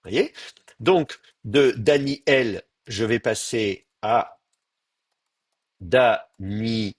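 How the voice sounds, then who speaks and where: This French lecturer teaches his university class one step at a time, hesitating on fillers as he pronounces words aloud for students. The voice is a bit husky with lively intonation and wide pitch swings, recorded close, dry and without echo.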